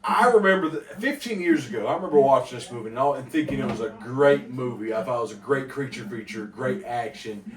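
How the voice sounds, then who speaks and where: A man co-hosting a podcast in casual chat, animated and exclaiming often as he talks. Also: mid-range voice, fast talker, few pauses. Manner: animated, exclaims often, mocks bad accents. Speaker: podcast co-host. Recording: echoey room, mic at a distance.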